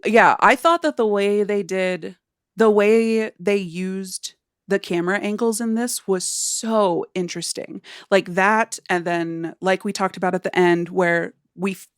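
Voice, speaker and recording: A woman co-hosting a podcast, talking about a film with lively enthusiasm. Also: medium pitch, measured pace, no room sound, clean studio sound. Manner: enthusiastic, laughs often. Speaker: podcast co-host. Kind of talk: casual film discussion.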